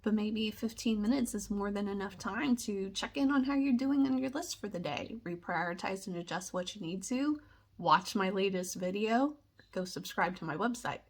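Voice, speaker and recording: A woman vlogger with a slightly husky voice, giving upbeat, tidy, step-by-step advice straight to her viewers. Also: medium pitch, animated, normal speed. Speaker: productivity tips vlogger. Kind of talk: advice vlog, explanatory talk to viewers.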